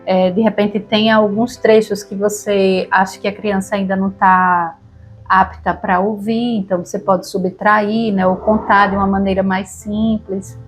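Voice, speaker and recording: A woman with a Brazilian Portuguese accent co-hosting a relaxed conversation about reading aloud to children, often tagging her sentences with questions. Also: medium pitch, measured pace, faint music behind. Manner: relaxed, chatty, frequent tag questions. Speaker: podcast co-host.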